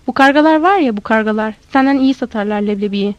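A woman voicing a bossy, streetwise boy vendor who scolds loudly and insistently. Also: on the high side, fast, no room sound, lo-fi sound, natural voice. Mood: teasing.

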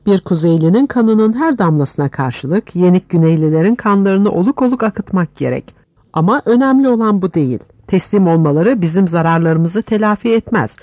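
A man's voice: high voice, a little mellow, no room sound, voice pushed up. A man reading the part of a stern, vengeful war minister who speaks in a harsh, commanding way.

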